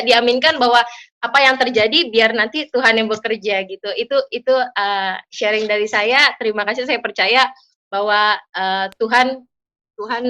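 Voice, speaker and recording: A woman's voice: a little high, bright, forceful tone. A woman giving a heartfelt personal testimony at an online church prayer service, speaking earnestly and directly to the congregation.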